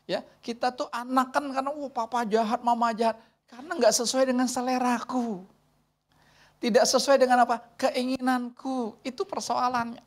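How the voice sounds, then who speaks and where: Lively woman pastor preaching conversationally. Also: medium pitch. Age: 40s. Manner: lively, conversational preaching with laughter and quoted dialogue. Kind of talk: sermon.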